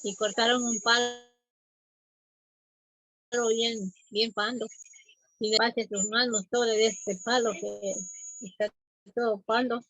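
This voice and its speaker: Woman, oral folk tale, halting and repetitive, high-ish voice, dry close sound. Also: flat delivery, a bit bright, no room sound, lo-fi sound. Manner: unhurried, halting, repeats words. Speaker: storyteller.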